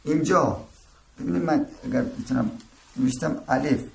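A gravelly, mid-range man delivers a religious seminary lecture in an echoey room with faint ambient noise. Explaining step by step, he keeps asking "درست شد؟" to check that his students are following.

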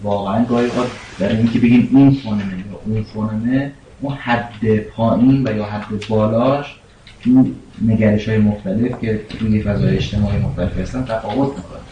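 A man in a scholarly debate, making measured points and asking questions. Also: fairly low pitch, steady tone, mellow, distant mic. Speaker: discussion partner. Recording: echoey room, off-mic with faint noise.

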